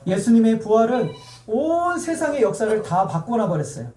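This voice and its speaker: A man's voice: sits high, very animated, moderate pace, dark tone, recorded from a distance. A male pastor preaching an emphatic sermon, repeating key phrases and asking the congregation questions. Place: church sanctuary. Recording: echoey church sound heard from afar.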